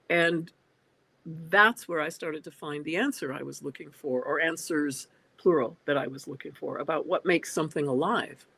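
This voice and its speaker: A woman's voice: deep voice, a bit bright. Woman in her 60s on a video call. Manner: thoughtful, with frequent hesitant fillers. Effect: heard over a video call. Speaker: guest. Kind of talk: reflective interview talk. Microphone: computer on a video call.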